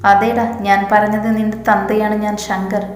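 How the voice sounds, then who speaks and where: A woman's voice: medium pitch, little pitch movement, normal speed, a little hiss or hum, lightly acted. Woman doing a menacing brutal father. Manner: harsh, threatening. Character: brutal middle-aged father, violent and arrogant. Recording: echoey room with reverb. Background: soft music.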